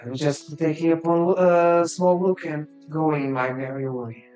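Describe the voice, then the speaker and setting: A man voicing a frail old male grand mage who speaks in a calm, simple, measured way. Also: a little high, roomy sound, soft background music, lightly acted, low-quality recording.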